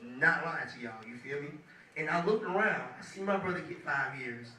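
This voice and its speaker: At a normal speed, a music producer in his twenties delivers a casual motivational talk, his voice bright, a bit high, and worn hoarse from days of speaking. He keeps checking in with "you feel me" as he chats loosely. He's heard from afar in an echoey hall with slight background noise.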